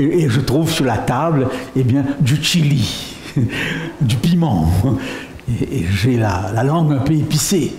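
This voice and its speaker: A middle-aged man from Mauritius delivers a sermon testimony with a lively, swinging pitch and an unhurried pace. He keeps checking in with his listeners through rhetorical questions. The voice rings in a roomy hall over a faint hum. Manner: animated, asks the audience rhetorical questions. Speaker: pastor. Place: church meeting hall. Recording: echoey hall with faint noise.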